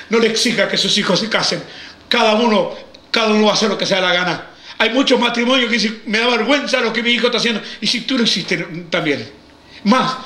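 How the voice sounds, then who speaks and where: A man's voice: sits high, pushed and bright, roomy sound. A male preacher giving an emphatic sermon, acting out the voices of the people he quotes.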